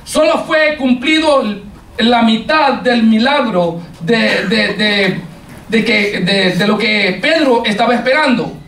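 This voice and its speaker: A man preaching a sermon to a congregation, halting and repeating words as he searches for them, and addressing his listeners directly. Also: very high voice, fairly bright tone, slight background noise. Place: church hall. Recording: echoey room, far from the mic.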